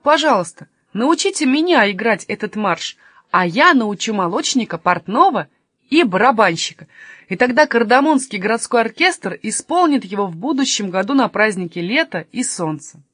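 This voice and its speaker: An eager, easily amazed town barber who gets carried away, as a woman reading a storybook puts him on. His voice jumps high and loud with lively swings. The reading is close and dry. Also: normal speed, no echo. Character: excitable small-town male barber.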